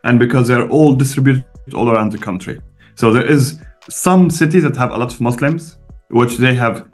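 A man's voice: mid-range voice, normal speed, faint music behind. Blunt bearded man on a video call. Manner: blunt, explanatory, lively emphasis. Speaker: guest. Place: home room with bookshelves. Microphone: webcam on video call.

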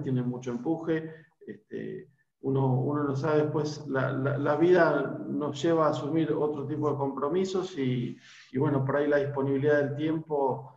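A man in his forties with an Argentine Spanish accent speaks in a mid-range, creaky, darkish voice, giving an informal talk to prospective students as a university lecturer. He hesitates a lot, filling gaps and restarting sentences. He's on a laptop webcam video call from a small room at home, and the audio is echoey and dull, with a lo-fi quality.

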